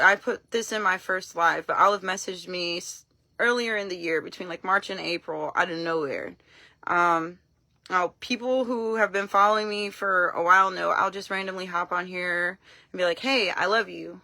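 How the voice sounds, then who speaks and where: A woman talking casually on a live stream, frank and blunt, telling her story in an animated way and acting out what people said. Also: lowish voice, dry recording. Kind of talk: casual talk to camera.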